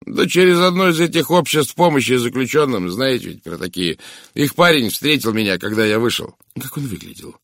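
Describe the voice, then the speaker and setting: Brief: a rough, defensive ex-convict, as a male reader puts him on, raised voice, lively and gravelly. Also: medium pitch, fairly quick, dry recording, studio quality, pitched above the performer's own voice. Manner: rough, plain-spoken, animated.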